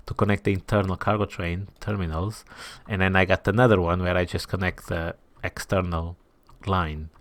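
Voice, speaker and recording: Speaking in a low, creaky voice on a dry recording, a man hosts a city-building playthrough for his gaming channel. He thinks aloud, mutters to himself, and now and then slips into a whisper. His commentary stays chatty and pokes fun at himself for the viewers.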